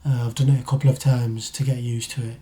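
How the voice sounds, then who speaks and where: A British man giving a casual, matter-of-fact vlog update in a low-key way. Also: level tone, fast talker, warm tone, husky. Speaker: vlogger. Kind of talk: casual vlog talk to camera.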